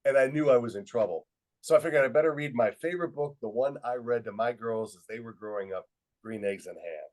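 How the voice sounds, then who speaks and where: A middle-aged man presenting a webinar, telling an anecdote in a lively way and acting out quoted dialogue, speaking into a computer mic on a video call. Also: mid-range voice, fairly quick, rough recording. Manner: lively storyteller who acts out quoted dialogue. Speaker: webinar presenter and student leadership trainer.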